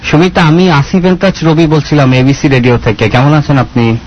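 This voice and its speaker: Man hosting a radio prank call. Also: a little high. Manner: calm, instructive, measured with hesitations. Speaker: radio prank show host. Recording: dull lo-fi radio phone recording.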